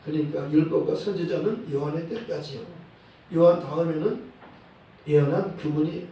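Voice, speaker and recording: A male pastor preaching a sermon in a church, in a measured way, often dropping a short "yes" between phrases and quoting verses. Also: on the high side, mellow, slight background noise. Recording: echoey hall, voice from a distant mic.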